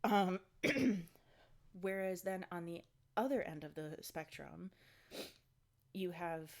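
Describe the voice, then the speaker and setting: Talking slowly at a fairly low pitch, this woman rambles through her fitness video diary with lots of ums and likes. Her nose is congested, and she's a bit short of breath.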